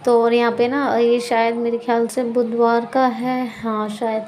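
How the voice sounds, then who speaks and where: A woman's voice: little pitch movement, measured pace. Chatty young mother narrating a home vlog. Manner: chatty, rambling, self-correcting; scolding loudly at high pitch in the clip. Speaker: vlogger and mother. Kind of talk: casual home vlog voice-over.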